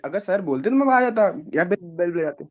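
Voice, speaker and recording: A young man, a guest on an interview show, telling animated stories and acting out other people's lines. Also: sits high, fairly quick. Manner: lively, acts out other people's lines, laughs often. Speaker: guest, defence-services aspirant. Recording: slightly dull, lo-fi audio.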